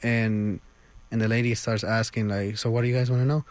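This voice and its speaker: A young man from Peru, a music student guest on a radio interview, answering in a hesitant way with many pauses and fillers. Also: fairly low pitch, little pitch movement, no echo. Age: young adult.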